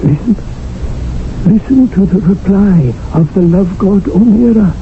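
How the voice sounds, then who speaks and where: A high-pitched male actor, speaking at a measured pace, voices a wry manservant who schemes and narrates. His delivery is sly, ornate and theatrical, echoing 1970s radio drama. Slight background noise accompanies the tinny old broadcast sound and music.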